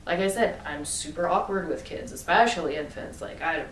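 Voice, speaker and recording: Speaking at a moderate pace in a low voice, an adult woman gives a casual vlog monologue about the choices she's made. She's animated and emphatic, piling on fillers and rising bursts of emphasis, captured by a distant mic in an echoey room with background noise.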